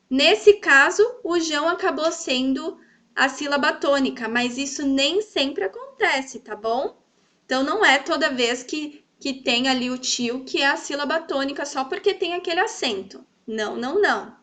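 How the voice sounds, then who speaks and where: A woman teaching a grammar lesson to children, stretching out example words slowly and checking in often with her pupils. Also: sits high, fairly bright tone. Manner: sweet, coaxing, checks in often.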